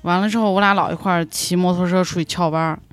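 A woman's voice: on the low side, fairly even intonation, fast. A woman animatedly retelling a story in casual chat, laughing now and then. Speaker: podcast guest.

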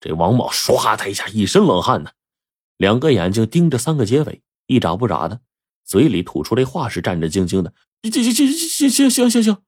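A man telling a folk tale, with animated, dramatic narration. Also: lowish voice, fairly quick, slightly rough, no echo, clean studio sound. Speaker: storyteller. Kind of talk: oral storytelling.

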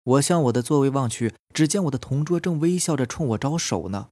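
A man calmly narrating a first-person horror story as a podcast storyteller, with a husky voice. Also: medium pitch, a little fast, dry recording. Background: faint eerie background music.

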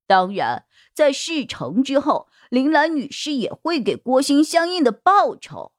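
A woman narrating a detective novel in an expressive storytelling manner. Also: high-pitched, measured pace, dry recording, clean studio sound. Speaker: audiobook narrator.

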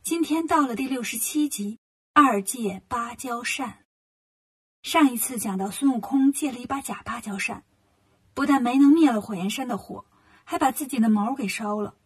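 Breathy woman telling a storybook tale. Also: a little high, normal speed, far from the mic. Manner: animated, acts out characters. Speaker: children's storyteller. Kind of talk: storybook narration.

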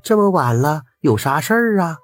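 A man voicing a ghostly young village woman who speaks softly and coaxingly from inside her lonely house. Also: a little high, big pitch swings, moderate pace, no room sound, faint music behind, pitched above the performer's own voice. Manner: gentle, hospitable, softly coaxing.

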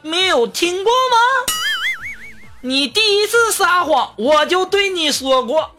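A strict lecturing mom with a high, bouncing voice that swings all over as she nags, the way a male joke-teller puts her on. she talks down from her soapbox and scolds hard, with music running behind. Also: sing-song, measured pace. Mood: scolding. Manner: preachy, scolding, high-pitched. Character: stern lecturing mother, strict and quick to slap.

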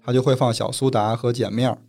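A man's voice: mid-range voice, fairly even intonation, fast, a little mellow. A man from northern China, co-hosting a casual chat and telling stories at length. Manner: storytelling, explains at length. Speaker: podcast co-host.

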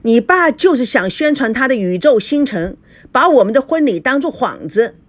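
A woman's voice: fairly high pitch, sing-song, moderate pace. A woman voicing a young male fiancé who argues indignantly and angrily, in a storybook reading. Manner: indignant, angry. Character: young male fiancé, proud and quick-tempered.

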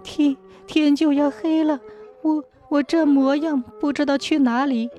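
A woman voicing a sorrowful young female river ghost, speaking haltingly and pleading through tears in a storybook tale. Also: a little high, a little mellow, soft background music, close to an everyday voice. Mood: tearful. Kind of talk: storybook narration.

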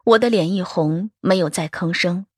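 A woman reading a first-person story aloud as an audiobook narrator, expressive in her telling. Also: on the low side, normal speed, breathy edge, no room sound, clean studio sound.

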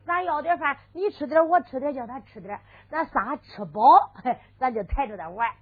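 A scrappy beggar man who talks in a chatty, cheeky way, as a woman storyteller puts him on. The high voice has a Henan accent, and the sound is thin and phone-like with faint music underneath. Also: lively intonation, moderate pace, slightly rough. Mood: coaxing.

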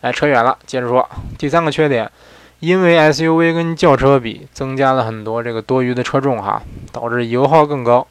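A man's voice: medium pitch, fairly even intonation, a little fast, smooth. A man hosting a casual car commentary, talking in a chatty way and often asking his listeners rhetorical questions. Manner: conversational, keeps asking rhetorical "right?"; self-mocking, chatty asides. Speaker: car reviewer and show host.

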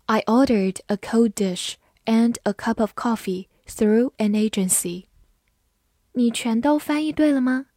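A woman teaching English vocabulary, saying each word twice and then listing its meanings in a measured reading. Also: fairly high pitch, warm tone, no echo, clean studio sound.

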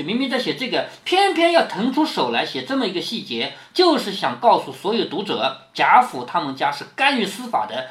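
A man reading a classic novel to his daughter and explaining it, often checking with questions as he goes. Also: high-pitched. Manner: keeps checking with rhetorical questions; lively, acts out quoted lines. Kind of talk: explanatory storytelling lesson. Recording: roomy echo.

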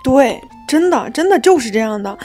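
A young woman in her twenties co-hosting a casual chat podcast. She tells stories with energy and acts out the people in them. Her voice sits a little high. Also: expressive, moderate pace, warm tone, faint music behind. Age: 20s. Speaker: podcast co-host.

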